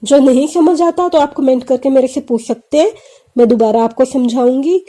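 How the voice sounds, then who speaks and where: A woman teaches kids a math lesson at a moderate pace, her voice high with a dark tone. She breaks things down step by step and frequently answers the questions she raises.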